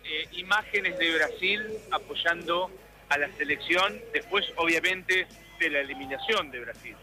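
A man reporting live for radio from a crowded city square, asking passers-by quick questions. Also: on the high side, bright, forceful tone, low-quality recording. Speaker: street reporter.

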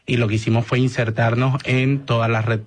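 A Venezuelan-accented doctor in his thirties appears as a guest on a radio interview. His medium-pitched voice shows little pitch movement, and he speaks in a measured way with many hesitations.

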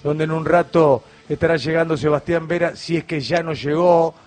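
A man's voice: on the high side, steady tone, moderate pace, darkish tone. A man with an Argentine Spanish accent hosting a live radio sports broadcast, announcing names and handing over to a reporter. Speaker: radio sports show host.

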